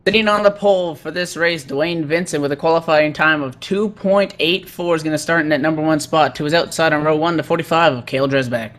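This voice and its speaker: A man's voice: on the high side, a little fast, hardly any pauses, a bit bright. A man hosting a race broadcast, giving motorsport commentary.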